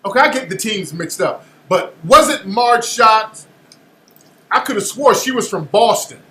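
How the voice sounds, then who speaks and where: A male host with a high, bright voice fires back at a clip he is playing, incredulous and challenging. He is recorded in an echoey room. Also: animated, measured pace. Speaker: show host. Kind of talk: commentary reacting to a played clip.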